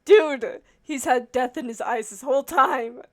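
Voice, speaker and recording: A woman game streamer offers casual reaction commentary, expressive, informal, and giggly. Her voice is high and she speaks a little slowly.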